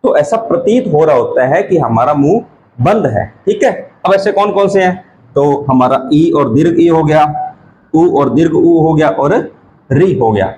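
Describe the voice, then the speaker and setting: A male teacher gives an exam-prep grammar lesson, asking questions and answering them himself while repeating key terms slowly. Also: fairly high pitch, lively intonation, a little mellow, a little hiss or hum, rough recording.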